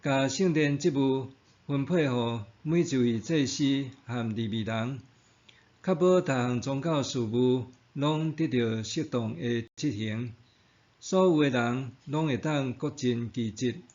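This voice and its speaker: A man with a Taiwanese Hokkien accent reading a scripted devotional in a measured, formal way. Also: mid-range voice, darkish tone, muffled recording. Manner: measured, formal read-aloud delivery. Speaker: devotional reader and narrator.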